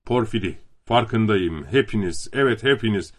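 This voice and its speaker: Pompous drunken general, indignant and self-pitying, raised loud voice, read by a male narrator. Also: fairly low pitch, lively intonation, moderate pace, slightly rough. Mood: wounded pleading.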